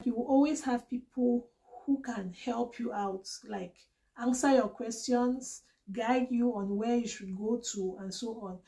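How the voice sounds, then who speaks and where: This travel-tip vlogger, a young woman from Cameroon, earnestly recounts her trip and shares practical pointers, restarting now and then. Her pitch leans high and mellow, and the recording quality is poor.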